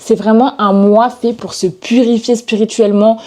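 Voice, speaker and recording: Chatty young woman with mellow voice. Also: a little high, fairly even intonation, normal speed. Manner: chatty, informal, many fillers. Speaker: lifestyle vlogger. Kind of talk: casual vlog talk to camera.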